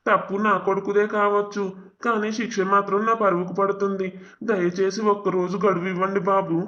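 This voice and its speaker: A man's voice: sits high, little pitch movement, brisk, pushed and bright, lo-fi sound, slight background noise. A man voicing a dignified village father past sixty, pleading formally for his honour. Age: older. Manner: pleading, formal, addresses officer respectfully.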